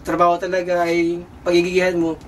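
A young man who works in a cruise ship kitchen, answering interview questions casually and hesitantly, searching for words with many pauses and fillers. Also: high-pitched, completely flat delivery. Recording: distant mic with faint background noise.

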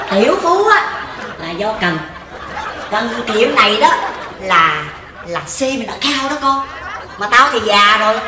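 A woman with a Southern Vietnamese accent playing a blunt, grumbling middle-aged mother in a live stage comedy sketch, coarse and scolding, with quick comebacks. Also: fairly high pitch. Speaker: comic stage actor. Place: large theater stage. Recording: echoey stage with audience noise. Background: audience laughter.

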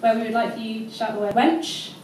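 A woman's voice: a little high, brisk, a little mellow, slight background noise. A woman from a folk band joking with the audience between songs in a live club, picked up from a distance. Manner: jokey, laughing. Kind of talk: onstage banter between songs. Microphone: stage mic, distant. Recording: echoey room from far off, audience.

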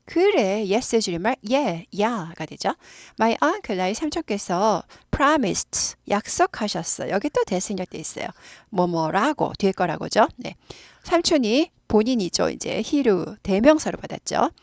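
A woman teaches English grammar in Korean, explaining patiently and leading repeat-after-me drills, saying phrases many times for students to copy. Her medium-pitched, slightly mellow voice is very animated at a measured pace, recorded with clean studio sound and no echo.

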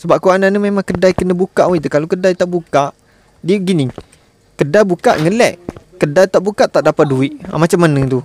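A man's voice: sits high, fast, a little mellow, slight background noise. A man with a Malaysian Malay accent giving casual, exasperated commentary while streaming a management game and talking to his viewers.

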